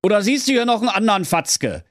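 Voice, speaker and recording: A man voicing a small, fat, grumpy curry-sausage king who talks in a shrill, bossy, blustering way. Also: big pitch swings, quick pace, no echo, studio quality.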